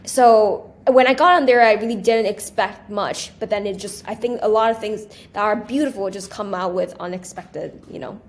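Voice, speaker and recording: A woman's voice: medium pitch, normal speed, few pauses. A young woman from Taiwan, a guest on an interview show, chatting casually and eagerly with frequent restarts and fillers. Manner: animated, with many restarts and fillers. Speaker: guest, small business creator.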